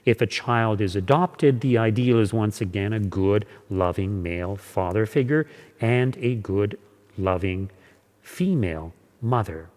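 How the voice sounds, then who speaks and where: A man, a parish priest raised in Canada after being born in Hungary, giving a Sunday homily in measured preaching style that slows down on key words. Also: lowish voice, darkish tone. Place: church. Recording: long church reverb.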